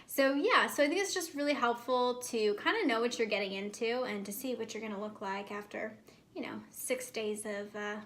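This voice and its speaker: Chatting to camera at a moderate pace, a young American host of a pregnancy-prep vlog gives casual advice with emphatic repetition. A swollen mouth slightly impedes her speech, and her voice is fairly high and a bit bright.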